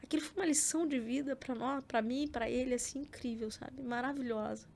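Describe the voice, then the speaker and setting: In a casual podcast interview with slight background noise, a middle-aged Brazilian woman with a Brazilian Portuguese accent recounts a personal story, acting out quotes and using plenty of fillers. She speaks briskly in a high-pitched, creaky, slightly mellow voice with fairly even intonation.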